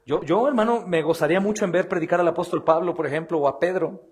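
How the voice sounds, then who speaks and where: A male pastor with a Mexican Spanish accent delivers a fervent sermon in a fairly high-pitched voice. He swings between loud emphatic bursts and quiet, intense asides, often addressing his listeners as brothers. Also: fast, husky.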